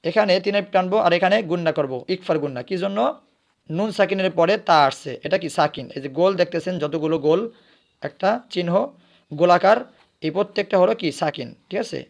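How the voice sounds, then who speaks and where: A man teaches recitation. He spells words out letter by letter, asks questions and answers them himself, then chants the words slowly. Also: high voice.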